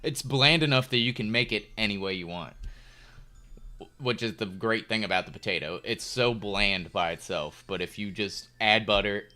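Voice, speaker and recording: A young American man chats casually on a chess live stream, his voice lowish, bright, and forceful at a normal speed. He rambles in a laid-back way, full of fillers, with faint music playing behind him.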